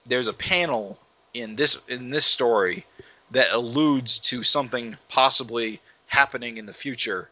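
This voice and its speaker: A man talking casually about comics on a podcast, giving brief replies and steady explanations. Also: medium pitch, unhurried, no echo, dull audio.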